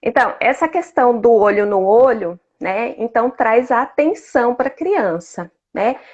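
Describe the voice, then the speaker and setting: A woman's voice: a little high, expressive, normal speed, a little mellow. A woman speech therapist explaining, as a guest in a live talk. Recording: dull lo-fi sound.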